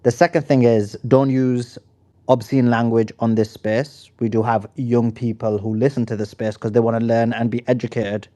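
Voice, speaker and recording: A man hosting an online audio debate in a mid-range voice. He speaks firmly and deliberately, calling on speakers and setting rules. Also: medium pitch, little pitch movement, dark tone. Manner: firm, measured and reproving. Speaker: host.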